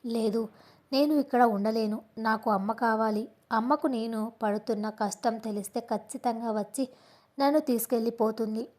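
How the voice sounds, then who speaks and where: A woman's voice: fairly high pitch, fairly even intonation, normal speed, a little mellow, natural voice. A woman voicing a frightened, tearful teenage girl who pleads desperately in a storybook reading. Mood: pleading. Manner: desperate, pleading, breathless run-on speech.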